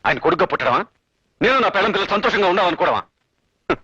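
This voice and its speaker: A defiant corrupt cop. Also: male voice, high voice, expressive, rapid-fire, pushed and bright, husky, no echo, full character voice. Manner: defiant, justifying. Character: corrupt, defiant police officer son. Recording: dull, dry film audio with music.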